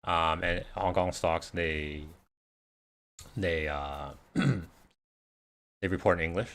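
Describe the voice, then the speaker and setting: Speaking very slowly in a low, fairly bright voice, a man hosts a casual investing Q&A livestream. His first language is Cantonese, and his talk meanders with lots of fillers and restarts.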